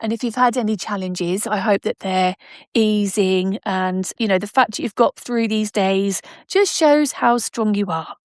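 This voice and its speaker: A woman's voice: medium pitch, unhurried, dry recording, clean studio sound. A woman hosting a podcast from home, chatting in a digressive way and laughing often. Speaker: podcast host. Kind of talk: casual chat. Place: at home by patio doors.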